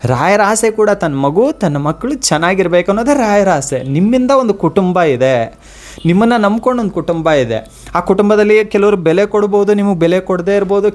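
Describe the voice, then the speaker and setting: A man giving an earnest devotional motivational talk. He speaks directly to his listeners and repeats his points. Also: sits high. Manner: slows to a soft chant for prayers.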